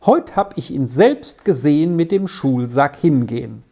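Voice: medium pitch, lively intonation, a little slow, mellow. A storybook reader voicing Kätheli, a busy farm girl who chatters in a self-important way.

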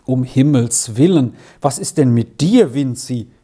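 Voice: mid-range voice, sing-song, unhurried, a little mellow. Storybook mother, anxious and tender, read by the narrator. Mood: worried. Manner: worried, alarmed. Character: worried caring mother.

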